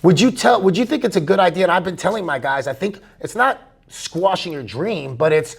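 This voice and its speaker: Gravelly, higher-pitched man, rambling interviewer. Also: expressive, brisk. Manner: rambling, long wind-up questions. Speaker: interviewer, high school baseball coach. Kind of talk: casual interview chat.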